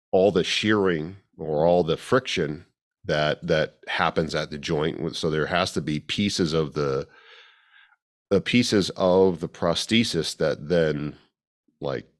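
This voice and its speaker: A man co-hosting a casual podcast chat as a fitness coach, rambling with many restarts and fillers. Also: very deep voice.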